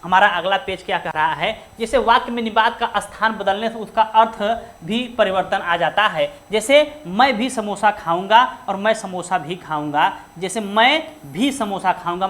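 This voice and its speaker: A woman teaching a Hindi grammar lesson for an exam, who keeps asking rhetorical questions and answering them herself, sometimes slowing to stress words one at a time. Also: medium pitch, fairly bright tone.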